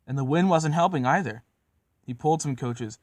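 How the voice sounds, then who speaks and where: A man's voice: a little high, normal speed, no room sound, studio quality. A man narrating a comedic story in a casual, profane, mock-serious way.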